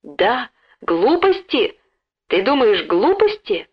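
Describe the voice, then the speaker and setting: A woman voicing an excitable, quick-tempered young schoolboy in a storybook, with shrill outbursts. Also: husky, full character voice. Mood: sobbing. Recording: dull lo-fi recording.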